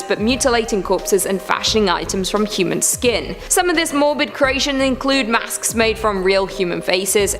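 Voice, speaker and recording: A woman narrates a scripted top ten countdown as a video narrator, with casual asides. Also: on the high side. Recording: long reverb, music underneath. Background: background music.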